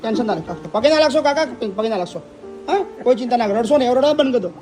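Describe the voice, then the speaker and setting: A man's voice: extremely high pitch, animated, rapid-fire, over music. A man running an old-age home, consoling and questioning elderly arrivals in an on-the-spot interview.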